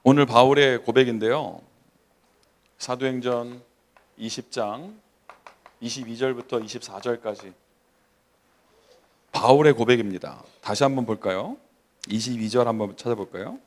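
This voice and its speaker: A man in his forties, a pastor delivering a sermon, asking the congregation questions, acting out little scenes and reading scripture slowly. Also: medium pitch. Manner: animated preaching with rhetorical questions and acted asides; slow, measured scripture reading.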